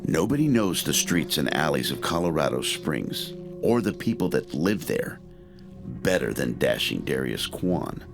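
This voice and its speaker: An actor playing a gruff, older retired male war hero who recruits soldiers, speaking in a dry, understated way. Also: big pitch swings, measured pace, heavily acted. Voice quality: deep gravelly voice. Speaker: recruiting sergeant. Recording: game audio over loud music.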